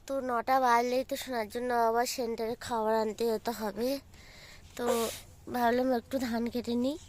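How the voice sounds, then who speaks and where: A young woman with a high-pitched voice, hoarse from a cold, chats to her viewers in a casual vlog. She talks straight to them and keeps pointing things out. She is filming outdoors on a phone in a rice field, with faint rural sounds and goats in the background. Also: flat delivery, normal speed, a little hiss or hum. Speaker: vlogger.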